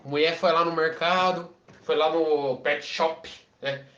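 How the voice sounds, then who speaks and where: A man with a fairly high voice tells a humorous story in a chatty, casual way. He sounds far from the mic in an echoey room, and the recording is dull. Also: steady tone, a little slow, a bit bright, slight background noise. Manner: chatty, with frequent tag questions. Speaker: lay preacher telling an anecdote.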